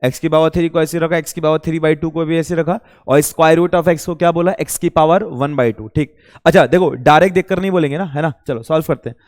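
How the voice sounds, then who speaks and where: A man's voice: fairly high pitch, fairly even intonation, fairly quick. Man teaching maths in an echoey room. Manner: asks rhetorical questions and answers them himself; informal, addresses students directly. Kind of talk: exam-prep lecture. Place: coaching classroom. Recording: reverberant room.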